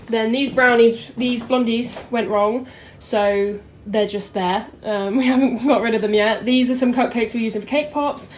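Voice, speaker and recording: Filming her home kitchen on a handheld camera, a young woman who bakes and vlogs gives a chatty, casual tour full of ums, pointing things out along the way. Her voice is a little high, and there's slight background noise.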